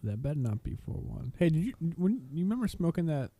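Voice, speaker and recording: A man's voice: fairly high pitch, very animated, quick pace, dark tone, husky, no echo. A young man co-hosting a casual podcast, laid-back and teasing as he jokes around. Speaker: co-host.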